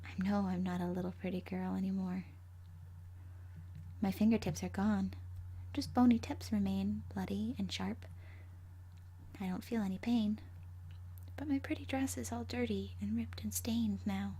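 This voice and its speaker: A woman voicing the gleefully vengeful ghost of a five-year-old girl in a horror story, hushed and haunting, breathy, often slipping into a whisper. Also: medium pitch, fairly even intonation, normal speed, long pauses, lightly acted. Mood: creepy, gleeful. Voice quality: breathy, husky. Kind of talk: first-person horror story narration.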